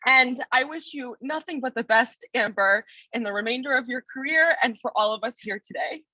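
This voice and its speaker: A woman's voice: high voice, normal speed, bright, forceful tone, no room sound, highs cut off. A woman hosting a conference, giving effusive and tearful thanks to the speaker. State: teary. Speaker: conference host. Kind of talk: emotional closing remarks.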